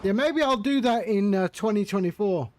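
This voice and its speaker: A man's voice: sits high, animated, normal speed, a little hiss or hum. A man streaming a flight simulator, chatting casually with his viewers, joking and laughing often. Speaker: flight sim livestreamer.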